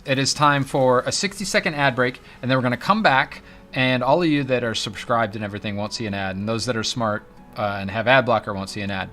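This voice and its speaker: Male streamer, casual and jokey, bright ringing tone, faint music underneath. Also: mid-range voice. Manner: chatty, joking, drops into silly voices. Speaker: livestream host. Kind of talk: casual livestream chat.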